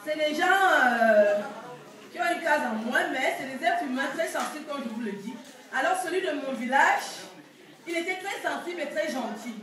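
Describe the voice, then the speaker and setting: A woman from Cameroon with a Cameroonian French accent, telling animated stand-up stories and acting out village characters. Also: sits high, moderate pace. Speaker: stand-up comedian. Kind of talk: stand-up storytelling. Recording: echoey room from far off.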